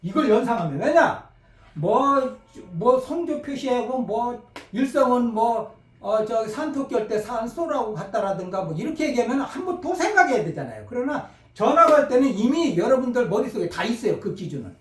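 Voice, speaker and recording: A middle-aged man teaching a recorded language lecture, acting out phone calls and crisp shouted replies to demonstrate tones. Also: extremely high pitch, big pitch swings, moderate pace. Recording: echoey room, voice a bit far from the mic.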